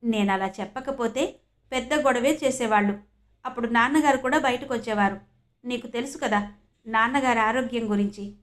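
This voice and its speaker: A woman voicing a patient young husband who explains things calmly and reassures, in an audiobook reading. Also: on the high side, normal speed, natural voice. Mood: reassuring. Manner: calm, reassuring.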